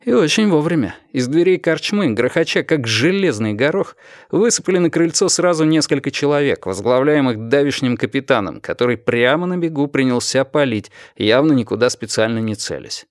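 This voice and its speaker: A male narrator reads an action story steadily and expressively at a middle pitch. The recording is dry and close, with no room echo. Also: expressive, normal speed. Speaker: audiobook narrator. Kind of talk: scripted audiobook narration.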